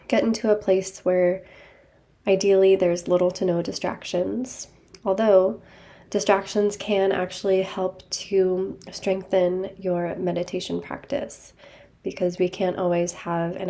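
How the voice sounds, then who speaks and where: A woman leading a guided meditation over a video call, speaking gently and soothingly. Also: on the low side.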